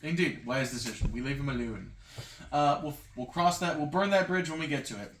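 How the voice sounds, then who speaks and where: A man with a fairly high, fairly bright voice talks fairly quickly as he casually recaps a tabletop roleplaying session for his group, hesitating and slipping into snippets of acted-out dialogue. The room is echoey, with background noise and clicks.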